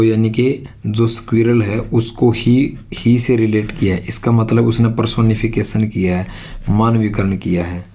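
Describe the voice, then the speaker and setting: A man's voice: lowish voice, warm tone. A man teaching an exam-prep English lesson, explaining step by step and repeating his own questions.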